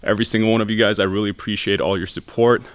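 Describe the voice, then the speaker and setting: A man's voice: fairly low pitch, level tone, rapid-fire, clean tone, no echo. A man raised in Sweden hosting his vlog in a car build shed, chatting casually and laughing often. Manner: easygoing, laughs often, curious questions. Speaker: vlogger host. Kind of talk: casual chat.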